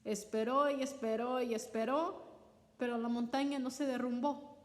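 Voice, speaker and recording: A woman reading a folktale aloud as a storyteller, measured, acting out the characters' voices. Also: fairly high pitch, steady tone. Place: library. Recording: reverberant library hall.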